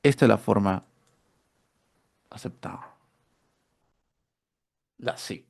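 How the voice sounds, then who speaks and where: Male teacher, explanatory, mid-pitched voice, rhetorical questions. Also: moderate pace, a little mellow. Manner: explanatory, asks rhetorical questions, repeats words. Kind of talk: online spelling workshop lesson.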